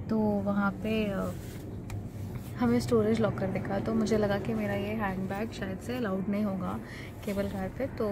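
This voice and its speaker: A woman's voice: mid-range voice, noisy background. A young woman chatting casually to her phone camera, telling travel stories with frequent laughs, first in a car and then in a hotel room. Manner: chatty storytelling, laughs often. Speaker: travel vlogger. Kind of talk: casual vlog chat to camera. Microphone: phone camera at arm's length.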